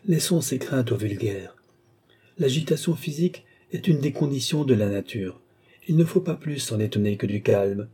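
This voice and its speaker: Man doing a phlegmatic young prince for an audiobook, dark voice, measured and level. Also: mid-range voice, slightly rough. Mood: calm. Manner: calm, measured, explaining. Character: calm, cold young prince, rational husband. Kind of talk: audiobook character reading.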